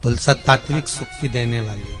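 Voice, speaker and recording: A man giving a devotional sermon, telling stories and acting out the gods' words, his voice swinging between loud and soft. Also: medium pitch, normal speed, over music. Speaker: kathavachak preacher.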